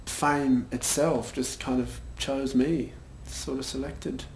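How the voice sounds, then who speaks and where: A man's voice: mid-range voice, fairly even intonation, slow pace, darkish tone. Man playing vain young frontman, pompous, stumbling fillers, echoey room, faint hiss. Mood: smug. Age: young adult. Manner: pompous, hesitant, full of fillers. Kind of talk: mockumentary interview.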